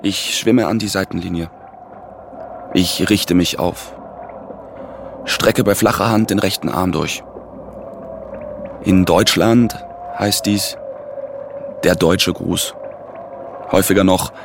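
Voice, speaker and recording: A man playing a self-justifying footballer in a scripted monologue, declamatory and deliberate. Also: deep voice, fairly even intonation, vocal fry, background noise, heavily acted. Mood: solemn, deliberate. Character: self-justifying footballer giving solemn, deliberate public statements.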